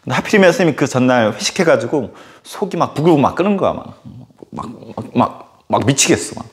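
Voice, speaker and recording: A male history teacher tells a casual, rambling classroom anecdote, his voice jumping up and down in lively swings. His middle-pitched voice is full of quick fillers and acted outbursts. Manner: animated storytelling full of filler words and sudden acted outbursts. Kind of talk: casual anecdote in a recorded lecture.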